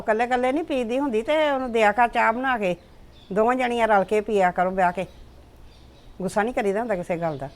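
Middle-aged woman, soothing motherly advice, fairly high voice. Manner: soothing, advising. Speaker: mother character. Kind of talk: short film acting.

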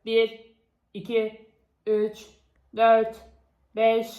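A woman's voice: a little high, completely flat delivery, drawn-out words, muffled recording. A woman chatting casually to viewers as a vlog host, playful and exclamatory. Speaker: vlog host and game player. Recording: roomy echo, faint background noise.

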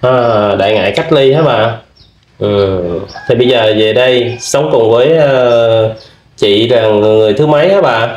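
A man hosting a video, gently questioning an older woman with many fillers. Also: medium pitch, a little slow, reverberant, dull audio. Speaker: vlog host interviewing. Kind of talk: casual interview.

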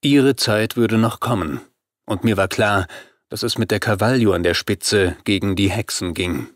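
A man's voice: fairly low pitch, moderate pace, dry recording, clean studio sound. Man narrating a horror audiobook. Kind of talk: scripted first-person narration.

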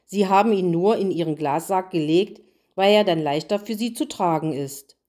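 A woman voicing a whiny, ever-freezing male snowman in a storybook reading, with a high wailing voice. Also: moderate pace, dark tone, natural voice. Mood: fretful.

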